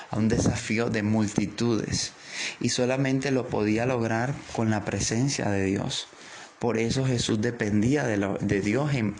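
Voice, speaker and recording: A man's voice: medium pitch, vocal fry, a little mellow, a little hiss or hum. A man with a Colombian coastal accent preaching a devotional, fervent and repetitive, stretching out key words for emphasis. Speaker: pastor.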